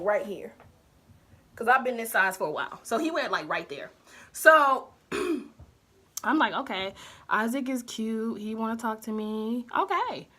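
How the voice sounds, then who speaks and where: Lively bright-voiced young woman storyteller. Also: on the high side. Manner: animated, slangy storytelling with acted quotes. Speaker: beauty vlogger. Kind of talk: storytime while doing makeup.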